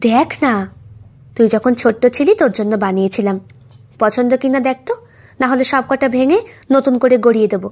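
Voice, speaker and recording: A woman's voice: high voice, a little fast, pauses often, darkish tone. A woman voicing an older, loving mother in an audio story, who coaxes her daughter affectionately. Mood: coaxing.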